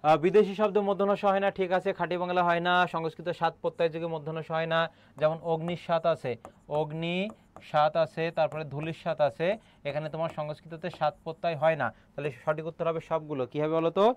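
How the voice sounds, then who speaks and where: Teaching an online admission-prep course, this middle-aged senior teacher speaks with a Bangladeshi Bengali accent, explains everything step by step, quizzes students often and habitually clears his throat. He has a fairly high pitch with little movement, talks at a quick pace, and there's no echo.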